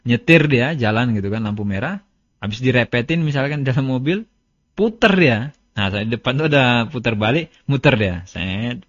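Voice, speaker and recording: A man's voice: mid-range voice, fairly bright tone, no room sound. Man teaching casually on a dull recording. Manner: conversational, storytelling with everyday examples; reads Arabic text aloud. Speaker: Islamic religious teacher. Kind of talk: casual religious lesson. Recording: dull, dry lo-fi lecture recording.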